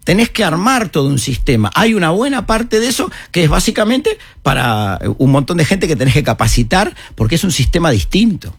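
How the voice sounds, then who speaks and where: An older man with a Uruguayan Spanish accent, explaining city matters on a radio talk show in an animated, folksy way. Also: a little high, fairly quick, hardly any pauses, husky, dry recording.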